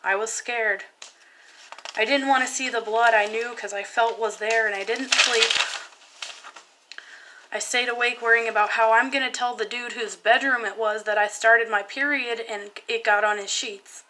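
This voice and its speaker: A young woman reading her own poem aloud in a soft, halting spoken-word style. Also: on the high side, fairly even intonation, low-quality recording. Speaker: vlogger.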